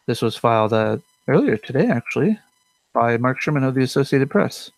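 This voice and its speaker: A man's voice: medium pitch, sing-song, fairly quick, creaky, no room sound. A young man hosting a casual politics show from his room at home, rambling with fillers and self-corrections. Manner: mutters to himself. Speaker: host of a politics commentary show.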